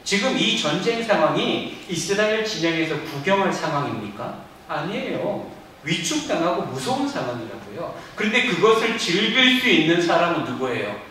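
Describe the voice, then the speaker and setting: A man pastor giving a lively sermon in a church, acting out quoted lines as he goes. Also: a little high, normal speed, slight background noise. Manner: animated preaching with acted-out quotes. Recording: echoey church sound from a distance.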